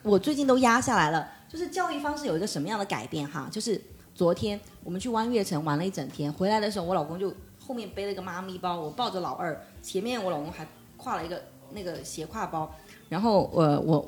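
一位三十多岁的女人在播客中闲聊，讲自己带孩子的经历，常模仿别人说话的语气。. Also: female voice, fairly low pitch, fast talker, a little hiss or hum. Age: 30s. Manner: animated storyteller acting out quoted dialogue. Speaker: podcast guest. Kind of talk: casual chat.

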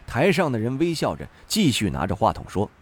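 A man narrating a novel in the first person, wry and expressive. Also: mid-range voice, fairly quick, slightly rough. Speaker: audiobook narrator.

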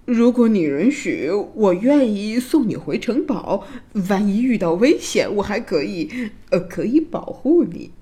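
A woman's voice: medium pitch, sing-song, unhurried, few pauses, dark tone. Lady voicing a young prince, shy, stammers a bit, storybook hero. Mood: stammering. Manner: stammering, then earnest.

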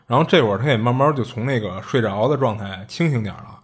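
A man's voice: medium pitch, quick pace, breathy edge. A man casually retelling a strange story, chatty and colloquial, often circling back with little restarts and asides.

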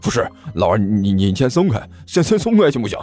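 A man voicing a bruised, grumpy older brother who scolds and stammers, with soft music behind. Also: mid-range voice, sing-song, normal speed, slightly rough, pitched above the performer's own voice. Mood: reluctant. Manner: scolding, exasperated, stammering when flustered.

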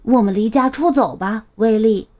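Storybook little boy, jealous and pouting, whiny and high, as a woman reading puts him on. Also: moderate pace, a little mellow, close to an everyday voice. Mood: excited. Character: little boy, jealous of new baby sister.

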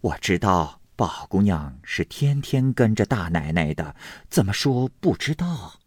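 A man voicing a sharp, sarcastic older servant woman who needles the others. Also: fairly low pitch, very animated, unhurried, breathy edge, no room sound, studio quality, full character voice. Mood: mocking.

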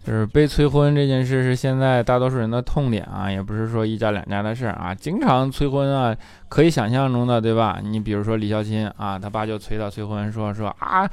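A man's voice: fairly low pitch, fairly even intonation, a little fast, few pauses, darkish tone, clean tone, no room sound, soft background music. A man performing a stand-up comedy monologue as host, chatty and teasing, often asking the audience "right?". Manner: chatty, teasing, with frequent rhetorical "right?" asides.

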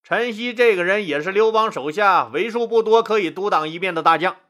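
Bright, lively male history storyteller. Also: sits high, a little fast. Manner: lively, colloquial, with acted-out asides. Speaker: storyteller host.

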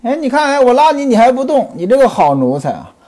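A man voicing a teasing, sharp-tongued young concubine who mocks and scolds, told as a storyteller's tale. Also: high voice, huge pitch swings, normal speed, husky, full character voice. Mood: scolding. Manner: mocking, scolding.

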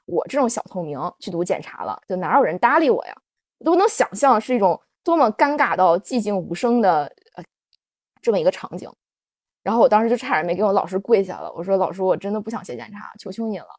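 Animated woman telling a personal story. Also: medium pitch, dry recording, clean studio sound. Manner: animated, confessional, many fillers. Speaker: podcast host.

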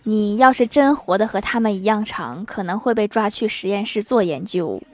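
A woman's voice: medium pitch, normal speed. A woman reading short comic anecdotes aloud as a joke narrator, chuckling at the punchlines. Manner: storytelling delivery that chuckles at the punchlines.

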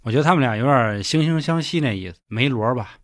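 A man's voice: mid-range voice, lively intonation, fast talker. A man co-hosting a casual podcast, talking in a laid-back, slangy way with casual swearing. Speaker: podcast co-host. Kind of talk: casual storytelling chat.

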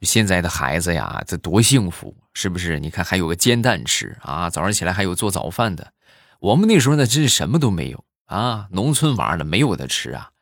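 A man telling jokes in a stand-up style, animated and acting out the people in his stories. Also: sits low, fairly quick, dry recording. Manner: animated, acts out quoted characters in raised voices.

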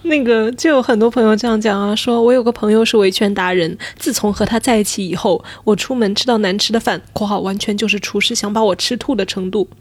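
A woman's voice: mid-range voice, fast, few pauses, no echo. Amused woman in dry close sound. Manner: relaxed, amused, reads out friends' comments. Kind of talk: casual chat.

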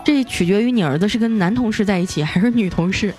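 Speaking at a medium pitch over music, a woman radio host reads listeners' jokes aloud. She keeps it playful and chatty, adding her own teasing comments with drawn-out particles, for a lively comic radio reading.

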